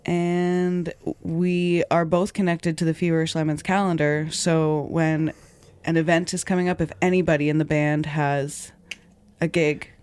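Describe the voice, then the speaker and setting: A woman's voice: sits low, little pitch movement, measured pace, darkish tone, smooth. Giggly Canadian woman hosting a podcast. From Ontario, Canada. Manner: giggly, reads aloud then digresses. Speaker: podcast host. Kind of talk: casual true-crime podcast chat, reading a script.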